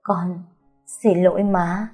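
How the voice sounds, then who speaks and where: A woman's voice: lowish voice, little pitch movement, slow, darkish tone, breathy edge, faint music behind. A woman reading a novel aloud voices a dying stepmother apologizing tearfully. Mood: remorseful. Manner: tearful, pleading.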